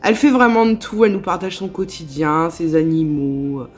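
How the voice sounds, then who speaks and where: A woman's voice: lowish voice, fairly even intonation, moderate pace, faint music behind. A woman with a Northern French accent, chatting casually in a vlog, with lots of fillers and small laughs. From northern France. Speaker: vlogger.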